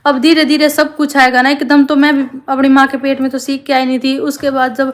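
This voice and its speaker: A woman's voice: high-pitched, level tone, brisk. A woman, pouring out her story to her viewers in a rambling, heartfelt vlog. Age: 20s. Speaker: family vlogger. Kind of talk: confessional talk to camera.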